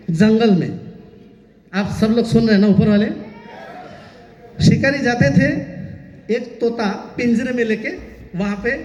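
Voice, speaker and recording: A man's voice: very high voice, darkish tone. A man giving a motivational stage speech at a business meeting, talking straight to a seated crowd, urging them to clap and asking them questions. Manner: addresses the crowd directly, urging applause and asking rhetorical questions. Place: large hall with a seated audience. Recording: echoey hall, dull lo-fi sound.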